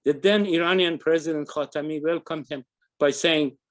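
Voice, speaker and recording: A man's voice: on the high side, steady tone, moderate pace. An older man from Iran, giving an earnest webinar talk as a panel speaker and recounting a memory, often restarting his phrases. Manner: earnest, with frequent restarts and fillers.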